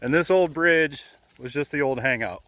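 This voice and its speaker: Out at an old rural bridge, a forties-aged vlogger with a Midwestern American accent talks casually with a friend he's interviewing. His voice sits fairly high and a bit bright, at normal speed, though the audio is poor.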